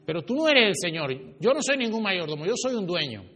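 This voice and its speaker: A man preaching a sermon as pastor to his church, swinging his pitch and volume for emphasis. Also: sing-song, a little fast, pushed and bright. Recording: reverberant hall.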